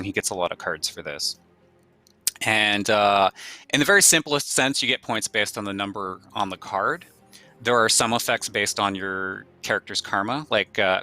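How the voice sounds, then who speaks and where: A game developer showing his game in a live walkthrough, explaining in a relaxed way with many fillers. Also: lowish voice.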